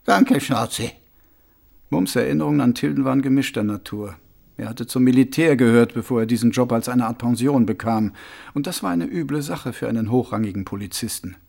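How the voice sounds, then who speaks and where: A man's voice: medium pitch, fast, gravelly. A man reading a novel aloud as narrator, telling it expressively. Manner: expressive storytelling. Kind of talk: audiobook reading.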